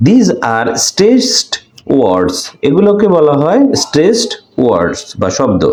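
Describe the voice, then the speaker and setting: A man teaching an English lesson in a classroom style, explaining in Bengali and reading English sentences slowly with deliberate stress, pausing on fillers. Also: fairly high pitch, darkish tone, roomy sound. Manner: hesitant fillers between phrases.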